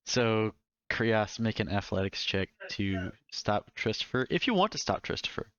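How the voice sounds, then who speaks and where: A man's voice: lowish voice, animated, normal speed, fairly bright tone, clean tone, dry recording, lo-fi sound. A man running a tabletop game as game master, giving matter-of-fact rulings over an online call. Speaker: dungeon master.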